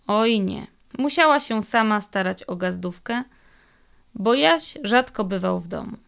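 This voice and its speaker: Slow, creaky woman telling a folk tale. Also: medium pitch. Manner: lively, folksy storytelling with exclamations. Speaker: storyteller.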